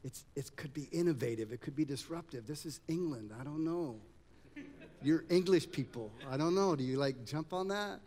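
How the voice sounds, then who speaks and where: Speaking in an echoing conference campus hall with long reverb, a middle-aged conference speaker from Germany, whose accent carries an American tinge, delivers a conversational motivational keynote. He throws rhetorical questions at the audience in a slightly high, somewhat mellow voice, with lively intonation at normal speed.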